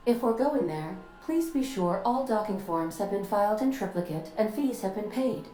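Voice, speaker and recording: A woman voicing a calm, polite female ship computer in a video game, formal, precise and dryly witty. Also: mid-range voice, moderate pace, faint music behind, natural voice. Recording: roomy game audio.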